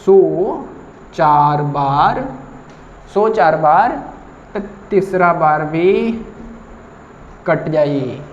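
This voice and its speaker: A man voicing a gruff, impatient barber who scolds his sleepy customer. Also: a little high, very slow, long pauses, reverberant, long reverb tail, muffled recording, slight background noise. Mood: scolding. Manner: scolding, blunt.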